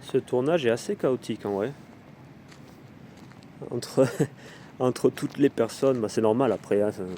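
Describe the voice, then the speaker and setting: A man from France with a French accent, vlogging a paranormal investigation outdoors in a cemetery, recorded on a phone. He talks in a rambling way, often correcting himself, and slows down and turns polite when he calls out to spirits. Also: medium pitch, warm tone, a little hiss or hum. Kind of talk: casual vlog.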